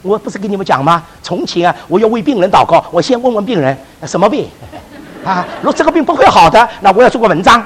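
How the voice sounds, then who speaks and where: A man preacher telling a testimony in a sermon, with animated storytelling and frequent restarts. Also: high voice, fast, slight background noise, poor audio.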